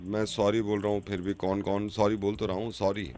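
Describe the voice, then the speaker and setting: A man making a prank phone call, insistently apologizing and growing more exasperated and loud. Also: lowish voice, level tone, a little fast. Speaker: radio prank caller.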